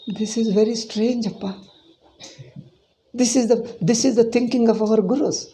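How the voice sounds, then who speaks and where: An older man with a South Indian accent speaks in a high, mellow voice. He teaches informally, like a monk holding a discourse, and repeats phrases for emphasis. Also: steady tone, moderate pace. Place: small indoor room. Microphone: clip-on lapel mic.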